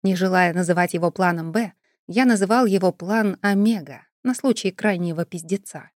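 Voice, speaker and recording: Woman, audiobook narration, even first-person storytelling, lowish voice, dry close sound. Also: moderate pace, dry recording.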